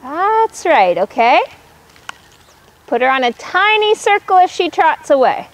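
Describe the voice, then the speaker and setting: Very high-pitched woman calling brisk riding commands. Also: very animated. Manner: encouraging, firm, repeats short instructions. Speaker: horse riding instructor. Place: riding arena.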